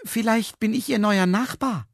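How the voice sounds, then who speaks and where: A man voicing a confused, polite newly moved man in a storybook reading, speaking in high, eager, flustered exclamations. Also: moderate pace, creaky, dry recording, studio quality.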